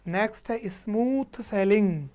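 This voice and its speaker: A man's voice: sits high, unhurried, a little mellow. A man teaching a live online class, who keeps repeating points and quizzing his students. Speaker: English teacher.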